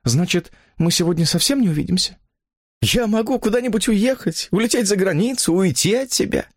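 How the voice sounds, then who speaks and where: A man's voice: high-pitched, animated, brisk, no room sound, clean studio sound, voice pushed up. A man voicing a desperate, lovesick married woman who pleads and reproaches, in an audiobook story. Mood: reproachful.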